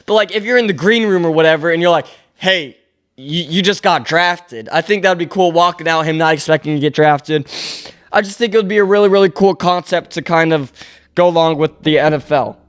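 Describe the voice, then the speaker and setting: A young man with a high, smooth, clear voice runs through sports news on his podcast. He rambles and stays opinionated, often circling back to correct himself mid-thought. Casual solo commentary. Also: a bit bright. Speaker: podcast host.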